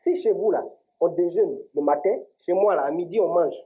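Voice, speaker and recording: A man's voice: high-pitched, moderate pace. A man with an Ivorian French accent playing a stubborn shopkeeper in a comedy sketch, defensive. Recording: tinny lo-fi audio.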